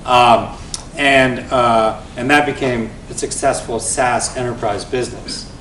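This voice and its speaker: At a measured pace, a fortysomething venture investor speaking as a guest recounts his founder experience to an event audience. He's spirited and conversational, leaning on "right?" to check in. A distant mic in a reverberant space catches a faint underlying rumble.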